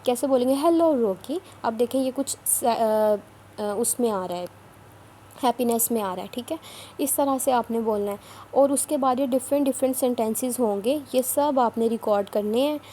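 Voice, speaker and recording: A woman talks through a screen-recorded tutorial in a mellow, fairly high voice. She repeats each step patiently but turns a little scolding. Faint hiss sits under the recording. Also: normal speed. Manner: repetitive, instructive, a bit scolding. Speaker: online work trainer.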